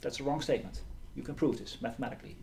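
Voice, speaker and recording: A middle-aged university lecturer giving a live physics lecture in a hall, lively and often checking in with the class. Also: male voice, mid-range voice, very fast, vocal fry. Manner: lively, asks the class questions.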